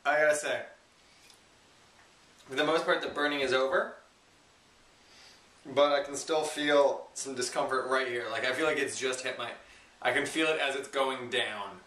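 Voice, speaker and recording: A man's voice: medium pitch, steady tone, normal speed, pauses often, bright, forceful tone. A man chatting casually to camera in an informal, self-deprecating, joking way as a challenge vlogger. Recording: roomy echo, distant microphone.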